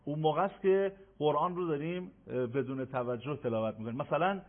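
A man teaching Quran recitation in an online lesson, slowly drilling letter sounds for listeners to repeat. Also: fairly high pitch. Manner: slow, emphatic drilling of sounds for repetition. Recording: tinny phone-like audio.

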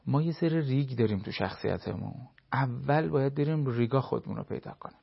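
A man's voice: medium pitch, vocal fry, slightly rough, highs cut off. A man giving advice on a talk show, explaining his points with everyday examples and short acted-out dialogues.

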